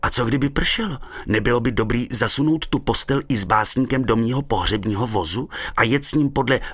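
A man's voice: medium pitch, fairly bright tone, husky, no room sound. A man voicing a small-town undertaker who is eager and fretting, spilling out ideas.

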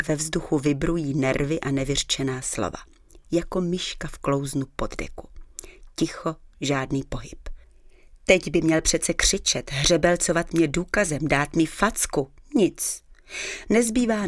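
Woman narrator, dry ironic audiobook reading, low pitch. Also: lively intonation, no room sound. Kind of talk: first-person audiobook narration.

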